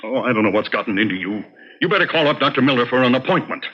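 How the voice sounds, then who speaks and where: Impatient ambitious husband, old radio drama, lively swooping intonation, mid-pitched, muffled vintage sound. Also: male voice, racing, husky. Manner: impatient, emphatic, theatrical. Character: exasperated, ambitious businessman husband. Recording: noisy, dull old radio recording.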